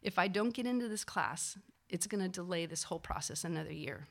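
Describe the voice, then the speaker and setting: Her voice sits on the low side and her pace is brisk as this physician assistant relates a personal anecdote. She's animated and informal, uses plenty of fillers, and plays out the voices of those she quotes.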